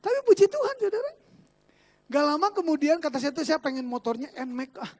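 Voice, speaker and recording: A male pastor with a Sundanese-inflected Indonesian accent delivers a church sermon in a notably high-pitched voice. He is animated and jokey, jumping between loud exclamations and soft, quiet asides. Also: a little fast. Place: church service.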